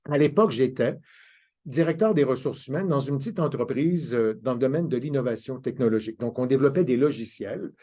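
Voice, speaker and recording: A man's voice: mid-range voice, brisk, warm tone. An older man, giving a conference talk as a self-mocking, anecdotal storyteller. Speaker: conference speaker. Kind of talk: storytelling lecture.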